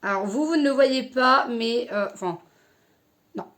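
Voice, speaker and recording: A woman's voice: a little high, unhurried, a bit bright. A young woman casually reviewing an eyeshadow palette, hesitant with many fillers. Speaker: beauty vlogger.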